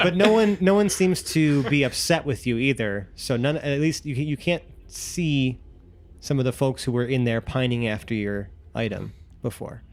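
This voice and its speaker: A man's voice: mid-range voice, expressive, moderate pace, a little hiss or hum. A man running a tabletop game as game master, describing scenes in a rambling way full of fillers.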